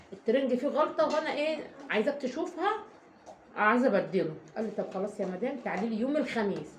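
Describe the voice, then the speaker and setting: A woman with an Egyptian accent, a mother telling a long, rambling story to her viewers in a casual vlog, emphatic and full of oaths. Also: a little high. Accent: Egyptian Arabic. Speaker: family vlogger, mother. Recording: echoey room, faint background noise.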